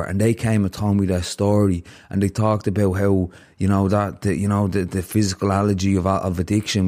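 A man's voice: low voice, dark tone. A man hosting a podcast, earnestly reflecting and telling a long parable to his guest. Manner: earnest, heartfelt, tells parables at length. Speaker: podcast host. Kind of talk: reflective conversation and storytelling.

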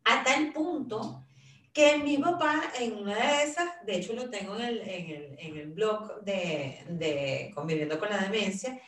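Speaking a little slowly at a medium pitch, a middle-aged woman shares caregiving advice from looking after her father in a relaxed chat. She's a lively storyteller who imitates what her father and she herself said, recorded with roomy echo at some distance from the mic.

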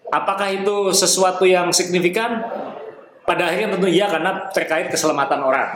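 A man talks fast and animated as a podcast host, his voice a little high for a man. He sounds like he is in an echoey room with faint ambient hum behind him. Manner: animated, quick-talking, laughs often. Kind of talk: casual podcast chat.

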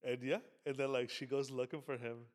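A man's voice: mid-range voice, little pitch movement, fairly quick. A man in a casual chat about a horror film, mostly chiming in with short agreements and occasionally retelling parts of the plot. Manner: laid-back, brief agreeing interjections. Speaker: film discussion podcast co-host.

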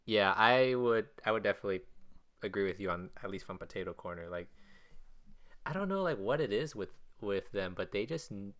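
A man's voice: lowish voice, lively intonation, fairly quick, fairly bright tone. A young man in casual chat who rambles and hesitates, often restarting his sentences.

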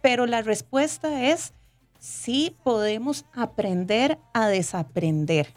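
A woman's voice: fairly high pitch, animated, takes it slowly, faint music behind. A woman, explaining emotional regulation on a talk show and often tagging her sentences with a question. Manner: frequent tag question "¿verdad?", warm explanatory tone. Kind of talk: casual explanatory chat.

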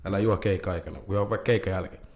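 Low-voiced man in an echoey room. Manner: loose, animated storytelling with English slang. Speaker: band vocalist. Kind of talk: casual interview chat.

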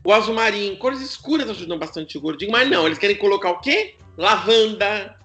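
A man with a high, bright voice rattles off comic stories in casual chat. He acts out the people in his tales as he goes. Faint music plays underneath. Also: fast talker. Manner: animated storyteller, acts out quotes.

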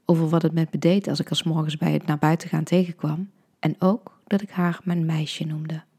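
A woman reads a short story in an intimate, half-whispered hush. Her voice sits fairly low, dark and mellow, with a husky edge. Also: flat delivery, normal speed. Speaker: podcast storyteller. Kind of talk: scripted narration.

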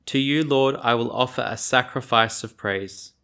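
A man reading scripture and psalm verses formally as a lector at Mass in a church, in measured phrases. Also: mid-range voice, a bit bright, clear, resonant tone.

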